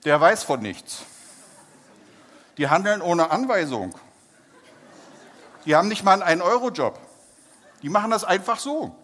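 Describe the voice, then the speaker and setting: Measured preacher man in a reverberant hall. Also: sits high, sing-song, a bit bright. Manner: measured, slows down for emphasis. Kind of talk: sermon testimony storytelling.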